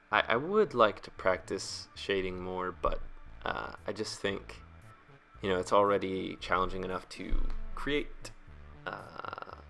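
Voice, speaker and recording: A webcomic artist and video creator gives a casual, rambling voice-over, hesitant and self-deprecating. His voice is low yet bright and forceful, slipping into vocal fry at the ends of phrases.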